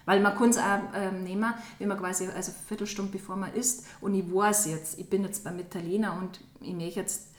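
A woman's voice: medium pitch, fairly even intonation, brisk. Woman on a podcast, chatty, lots of hesitating, roomy echo. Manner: hesitant, often agreeing and searching for words. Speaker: podcast co-host. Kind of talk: casual chat.

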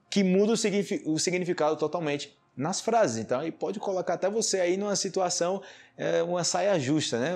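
Chatty Brazilian man, slightly high voice. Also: a little mellow. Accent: Brazilian Portuguese. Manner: chatty, explains with acted-out quoted asides. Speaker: Portuguese teacher. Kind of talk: casual podcast monologue.

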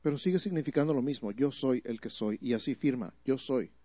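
A man's voice: medium pitch, fairly quick, mellow, no room sound. A man preaching a sermon in a teaching manner, asking the listeners questions and building up emphatic repeated phrases. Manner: rises to emphatic repetition.

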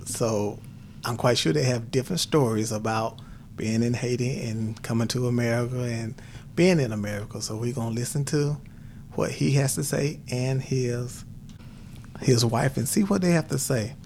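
A male podcast host with a gravelly, a little mellow, medium-pitched voice opens with reflective rhetorical questions, then interviews guests in a casual, conversational way. He talks at a normal speed, with a slight hiss or hum in the background.

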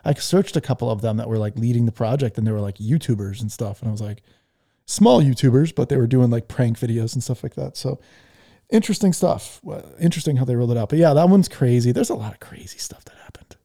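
A man's voice: medium pitch, fast talker, mellow. A man hosting a podcast, telling stories in rambling casual chat full of fillers. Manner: rambling, filler-heavy storytelling. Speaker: podcast host. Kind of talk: casual chat on a live audio room.

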